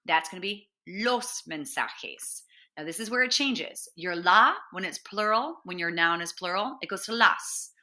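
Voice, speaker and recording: A woman with a bright, clear, slightly lower-pitched voice teaches a grammar lesson. She spells out letters one by one and repeats each example slowly, checking in with her listeners again and again. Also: expressive. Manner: patient, checks in with "right?" and "all right". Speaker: Spanish teacher. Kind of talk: classroom lesson explaining grammar.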